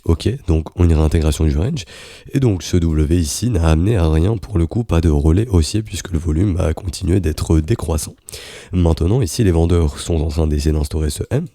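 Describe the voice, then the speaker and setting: A man giving an informal market briefing in a halting way, his voice thick and sick as if with swollen tonsils. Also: rumbling low, warm tone, no room sound, studio quality. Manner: halting, searching for words. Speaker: host of a daily crypto trading briefing. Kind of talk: informal spoken market commentary.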